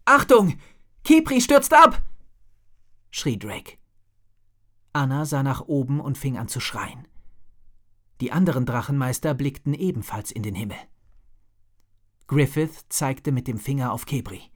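A man narrating a children's story in a calm, measured reading voice. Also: mid-range voice. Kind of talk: storybook read-aloud.

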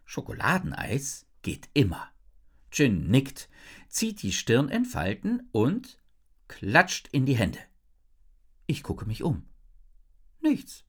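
A woman narrating a children's story in the first person, with expressive storytelling. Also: very deep voice, slow, breathy edge. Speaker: audiobook narrator.

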